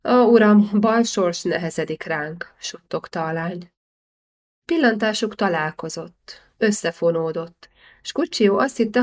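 A woman narrating a historical novel in a measured, even storytelling manner. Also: medium pitch. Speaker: audiobook narrator. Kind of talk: scripted literary narration.

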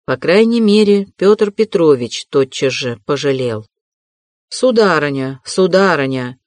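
A woman narrating a classic novel as an audiobook, in steady, even storytelling. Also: low voice, measured pace, no room sound.

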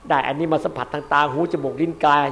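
A man, a Buddhist monk, giving a dharma sermon in an emphatic way, repeating key words and swinging between loud and soft. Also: a little high, steady tone, fast talker, gravelly.

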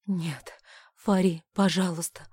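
A woman's voice: fairly low pitch, fairly even intonation, slow pace, darkish tone, breathy edge, dry recording, studio quality. A woman voicing a desperate, loving husband whose voice cracks with alarm, in an audiobook. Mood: pleading.

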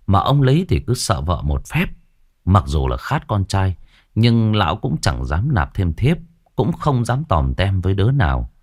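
A man narrating a ghost story in an expressive storytelling style. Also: sits low.

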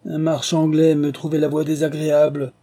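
A man reading the part of an arrogant, brutal man posing as a prince, loud and threatening. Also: a little high, completely flat delivery, brisk, voice pushed up.

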